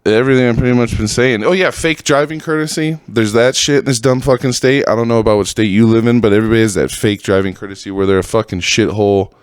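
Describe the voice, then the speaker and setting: A man's voice: medium pitch, steady tone, fast, hardly any pauses, clean tone, no room sound, clean studio sound. A man from the Bay Area hosting his own podcast, ranting with heavy profanity and exasperation. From California, Bay Area. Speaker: podcast host. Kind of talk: solo podcast rant.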